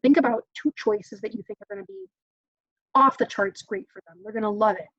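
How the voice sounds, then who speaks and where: A woman with a rather high, expressive voice presents a parenting workshop at a brisk pace, chatting casually, often acting out parent-child exchanges and saying "um" a lot. It's informal teaching talk, recorded dry with a muffled sound.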